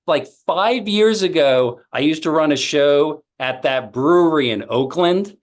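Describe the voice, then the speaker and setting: A comedian telling a casual podcast story, animated and acting out the lines of people in it. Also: male voice, on the high side, a little slow. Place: podcast studio.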